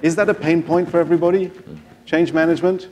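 A man moderating a conference panel on stage, brisk and engaging the audience with questions. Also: a little high, fairly even intonation, warm tone, muffled recording.

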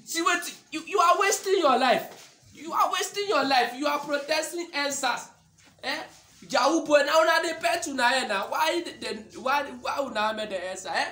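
A man playing a quick-tempered older Nigerian father who scolds in Nigerian Pidgin, in a comedy skit. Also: very high-pitched, bright, forceful tone. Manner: scolding, exclaiming. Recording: echoey room, mic far off, faint noise.

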